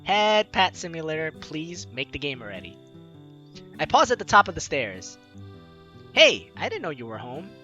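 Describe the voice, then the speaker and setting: With game music playing, a young man with a fairly high voice hosts a let's play at a moderate pace, the recording sounding muffled. He's animated and playful, tossing out casual commentary and reading the game's dialogue aloud for fun.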